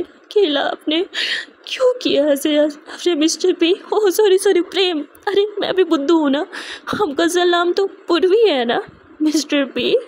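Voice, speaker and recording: A woman's voice: very high voice, voice pushed up. Woman doing a hurt, reproachful young woman. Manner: reproachful, tearful.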